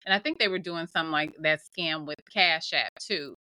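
Woman co-host, lowish pitch, bright tone, dry close sound, chatty and agreeable. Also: brisk, no echo. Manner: affirming with frequent mm-hmms, chatty. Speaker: podcast co-host. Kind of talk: casual chat.

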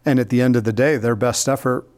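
A man's voice: mid-range voice, steady tone, fast, darkish tone. A middle-aged man co-hosting a casual podcast, upbeat and laughing often as he explains at length. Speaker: podcast co-host.

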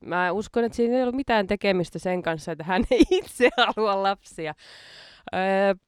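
A woman's voice: medium pitch, clean tone, dry recording, clean studio sound. A woman hosting a podcast in casual chat, self-mocking and laughing often between her words. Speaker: podcast host.

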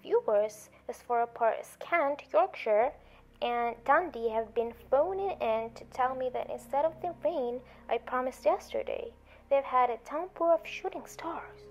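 A woman's voice: high-pitched, animated, unhurried, lo-fi sound, voice pushed up. A woman voicing a chatty male TV weatherman in a whispered role-play, folksy and jokey. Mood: breezy.

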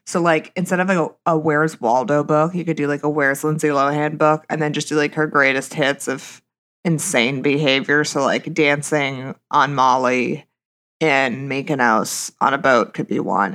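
Low-voiced woman with vocal fry. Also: a bit bright. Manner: sarcastic, blunt, gossipy. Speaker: podcast host. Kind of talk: casual solo hot-topics monologue.

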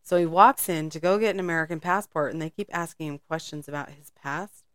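Woman with a low smooth voice rambling through a story on a podcast, dry close sound. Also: fairly quick, no room sound. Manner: rambling, laughs often, restarts. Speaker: podcast co-host. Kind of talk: casual storytelling chat.

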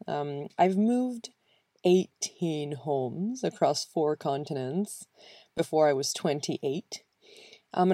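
A woman's voice: low-pitched, warm tone, no echo, clean studio sound. A young woman hosting her own podcast, talking reflectively about her life, with frequent fillers. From born in Venezuela, raised in Spain and the US. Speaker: podcast host. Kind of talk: solo podcast monologue.

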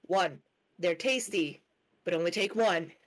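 A woman's voice: on the low side, unhurried. A woman in a casual podcast chat, sharing practical tips in a chatty way.

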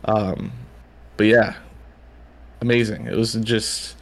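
A man's voice: lowish voice, steady tone, takes it slowly. A man, chatting casually as a podcast guest, rambling with lots of fillers and restarts. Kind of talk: casual chat.

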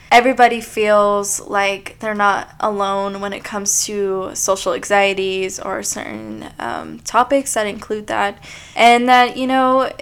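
A woman's voice: mid-range voice, clear, resonant tone. A young woman hosting a solo podcast, talking in a chatty, confessional way with plenty of filler words. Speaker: podcast host. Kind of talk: casual solo podcast monologue.

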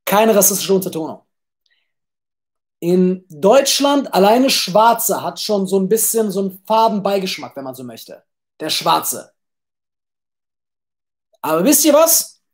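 A man's voice: high-pitched, very animated, a little slow, long pauses. A man hosting a solo podcast in a casual, rambling way, blunt and brash, with frequent restarts and repeated words. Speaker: podcast host.

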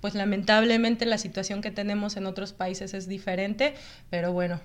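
A woman's voice: mid-range voice, little pitch movement, normal speed. Reflective woman guest. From Mexico. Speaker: radio presenter, guest. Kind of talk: casual chat.

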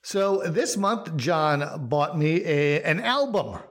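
A man hosting a podcast, talking casually in a relaxed, rambling way with fillers and restarts. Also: fairly high pitch, slow pace. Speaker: podcast host.

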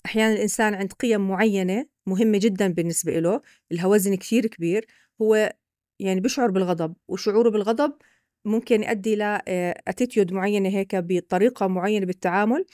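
A woman's voice: mid-range voice, quick pace, a little mellow, dry recording, clean studio sound. A woman with a Levantine Arabic accent, patiently explaining ideas with examples as a guest expert on a podcast.

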